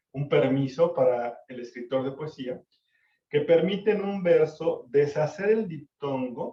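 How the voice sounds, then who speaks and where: A male literature teacher, lecturing an online class, counting syllables slowly and checking for understanding. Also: fairly high pitch. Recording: echoey, distant, dull-sounding mic.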